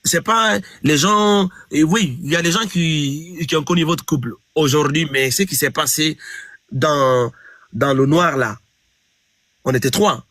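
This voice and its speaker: Speaking a little slowly in a slightly high, somewhat bright voice, a Guinean singer narrates a song dispute for an interviewer. He replays the conversations emphatically, repeating "j'ai dit" often, and there's no echo.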